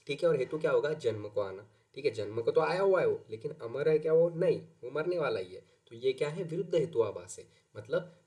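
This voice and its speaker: A man teaching an exam-prep lesson. His voice sits at a middle pitch. He keeps posing rhetorical questions and answering them as he explains. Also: lively intonation, fairly quick, warm tone.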